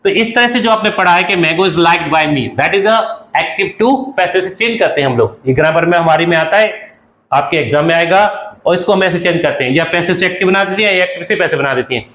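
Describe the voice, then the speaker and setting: A man with a fairly high voice gives a classroom-style grammar lesson, explaining patiently and going over each point again with simple examples. The room around him is noticeably echoey, as if he is speaking in front of a board. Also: a bit bright. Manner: explanatory, repeats points slowly with everyday examples. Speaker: English teacher.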